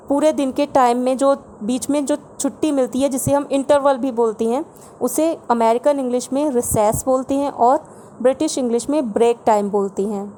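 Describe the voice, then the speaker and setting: A woman from India teaches vocabulary in a calm, explanatory way, repeating each pair of words. Her voice sits fairly high but sounds soft and mellow. A faint hiss of background noise runs under the recording. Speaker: English teacher. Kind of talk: Hindi vocabulary lesson.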